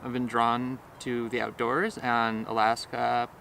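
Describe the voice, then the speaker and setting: An American man from Minnesota, a touring cyclist, telling road stories in a frank, animated way. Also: medium pitch, unhurried, gravelly, a little hiss or hum. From Minnesota, United States. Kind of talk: interview recollection.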